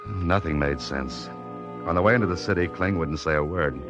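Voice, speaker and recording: Very deep-voiced old radio show adventurer. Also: male voice, moderate pace, music in the background. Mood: wry narrating. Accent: American. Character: earnest hard-boiled male writer-adventurer wrongly accused. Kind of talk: 1940s radio drama acting with first-person narration. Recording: muffled old radio recording.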